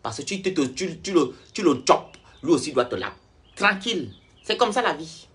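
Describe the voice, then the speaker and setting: A man's voice: a little high, big pitch swings, normal speed, fairly bright tone, slightly rough. A man delivering a blunt, preachy rant in a social-media vlog, lecturing his viewers directly. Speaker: online commentator.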